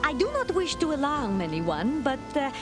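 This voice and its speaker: A prim cartoon schoolmistress. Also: female voice, high-pitched, very animated, normal speed, over music. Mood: anxious. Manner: polite, flustered understatement. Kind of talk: cartoon voice acting.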